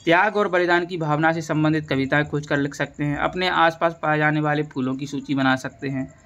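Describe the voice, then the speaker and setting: Fairly high-voiced male teacher. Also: steady tone, a little fast, a bit bright, dull audio. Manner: patient, repeats key words for students. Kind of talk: explaining a textbook lesson.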